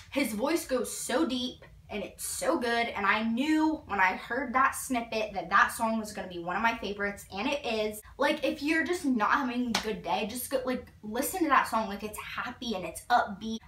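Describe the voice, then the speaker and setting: Animated and forceful, a teenage girl vlogger gushes through a casual album review indoors in her bedroom, packing in "like" as filler. Her bright, medium-pitched voice runs at a moderate pace. A fixed camera a few feet away captures roomy, slightly distant audio with slight background noise.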